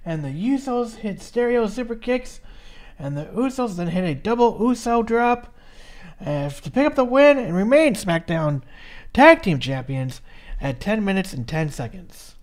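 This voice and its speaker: Lively-voiced casual wrestling recap host. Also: medium pitch, a little slow. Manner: chatty, swears casually, reads from notes. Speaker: podcast co-host.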